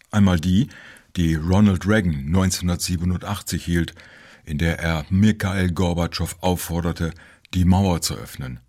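A man narrating a history documentary in a measured, informative way. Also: deep voice, a little mellow, breathy edge.

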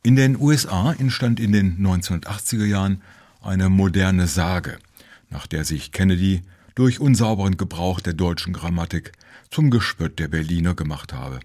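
A man narrating a history documentary in a measured, informative way. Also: deep voice, darkish tone.

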